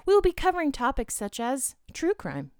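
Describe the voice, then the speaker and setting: A woman's voice: sits high, huge pitch swings, normal speed, a little mellow, dry recording, studio quality. Upbeat, teasing female co-host. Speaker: podcast co-host. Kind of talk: casual podcast chat.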